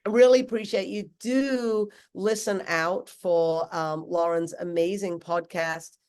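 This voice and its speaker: A congested woman hosts a webinar over a video call. She is chatty and effusive, and her voice sits a little low. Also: steady tone, measured pace, darkish tone, clear, resonant tone. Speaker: webinar host. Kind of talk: casual webinar chat.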